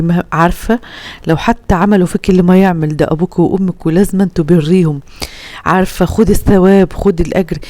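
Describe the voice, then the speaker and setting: A woman's voice: lowish voice, mellow, no echo. A woman from Upper Egypt with an Upper Egyptian Arabic accent, chatting earnestly with viewers as a home vlogger and giving heartfelt advice full of pious phrases.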